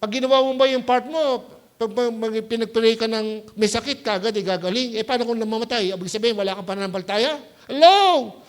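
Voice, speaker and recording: A man's voice: very high voice, fairly even intonation, fast. A male pastor giving a conversational sermon at a church service, mixing English words into Tagalog and often asking "Hello?" to check the congregation is following. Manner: conversational preaching with anecdotes.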